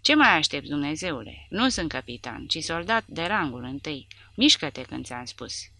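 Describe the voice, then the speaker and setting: A woman's voice: low-pitched, big pitch swings, bright, forceful tone, full character voice. Woman reader as a bullying soldier barking orders; crude, impatient. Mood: harsh. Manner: barks orders and insults. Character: rough, bullying male soldier.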